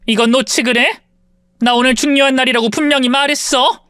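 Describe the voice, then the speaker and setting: A woman doing a calm, restrained middle-aged woman. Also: high voice, brisk, dry recording, studio quality. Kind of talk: audio story dialogue.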